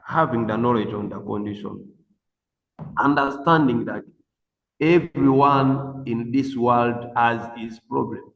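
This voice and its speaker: A gravelly man speaks in a halting way, often restarting his sentences. His voice rings with a long echo that lingers around the room. The sound is muffled, as if it came through a video call. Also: mid-range voice. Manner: halting, with many restarts and fillers. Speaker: psychiatrist and dermatologist, webinar speaker. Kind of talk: unscripted talk on a video call.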